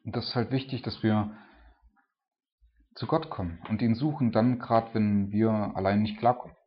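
A man's voice: fairly low pitch, moderate pace, lo-fi sound. A man giving a sermon in a conversational tone, filling his talk with "so" and "ne?". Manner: conversational preaching, peppered with "so" and "ne?". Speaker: preacher. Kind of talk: sermon on a psalm.

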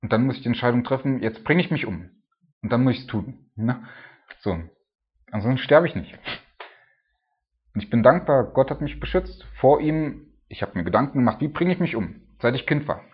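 A man preaching a sermon in a conversational way, often tagging his sentences with a questioning "ne?", swinging between emphatic rises and hushed drops. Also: mid-range voice, animated, normal speed, breathy edge, dull audio. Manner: conversational, frequent tag "ne?".

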